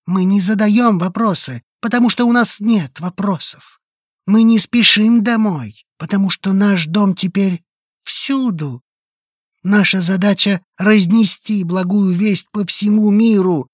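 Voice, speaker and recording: Hoarse creepy cult leader preaching, solemn, way higher than the reader's voice, put on by a male narrator. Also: no room sound, studio quality. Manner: solemn, booming sermon delivery. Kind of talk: audiobook character voice.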